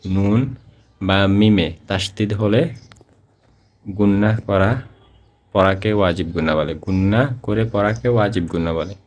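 A man with a Bangladeshi Bengali accent teaching a Quran reading class. His voice sits a little low, and he talks very slowly. He repeats each example word in a drawn-out recitation. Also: darkish tone. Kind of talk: slow step-by-step lesson.

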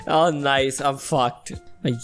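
A man's voice: mid-range voice, fairly even intonation, slow, fairly bright tone, faint music behind. A man bantering casually as a podcast guest, using slang and swearing and mixing Hindi into English. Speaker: podcast guest and quiz contestant.

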